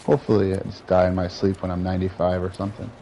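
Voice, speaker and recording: A man in casual, profane chat while gaming, rambling through stories with a relaxed delivery. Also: deep voice, very fast, noisy background. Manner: laid-back, profane storyteller. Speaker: gamer.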